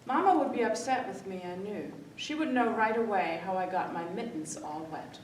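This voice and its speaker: A library story-time reader with lively intonation reads to children at a moderate pace, bringing the dialogue to life expressively. Her voice is captured from a distance in an echoey room with a faint rumble.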